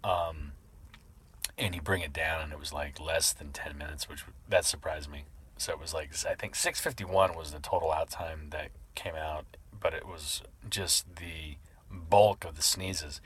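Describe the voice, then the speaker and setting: Deep-voiced man vlogging, sneezing between remarks. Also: fairly even intonation, a little slow, fairly bright tone. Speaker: video creator. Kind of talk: casual rambling vlog talk.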